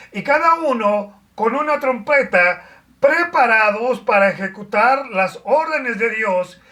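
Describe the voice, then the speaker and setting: A woman teaching a Bible study lesson in a measured, explanatory way, pausing with fillers and restarting phrases. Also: fairly high pitch, sharp tone, far from the mic.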